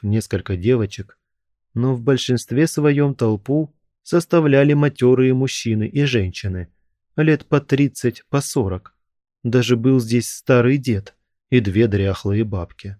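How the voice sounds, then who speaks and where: A man narrating a horror story in a measured, unhurried storytelling manner. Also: on the low side, dark tone, dry recording, studio quality. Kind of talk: audiobook narration of a horror tale.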